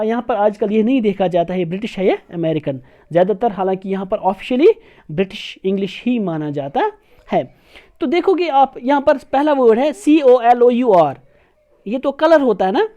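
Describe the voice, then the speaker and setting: A woman's voice: a little high, mellow. A woman teaching an English lesson, patiently spelling out words letter by letter. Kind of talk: classroom lesson explaining spellings.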